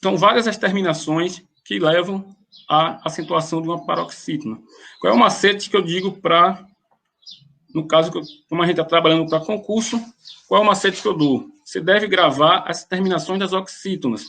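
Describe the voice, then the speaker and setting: Gravelly man teaching a grammar lesson. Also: high voice, fairly quick, pushed and bright, slight background noise. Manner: plain explaining with frequent restarts.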